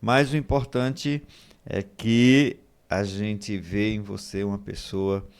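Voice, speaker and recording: Brief: male host, low voice, relaxed affirming interviewer. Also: takes it slowly, clean tone. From Brazil. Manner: affirming, wraps up with filler "né". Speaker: podcast host. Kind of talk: casual interview chat.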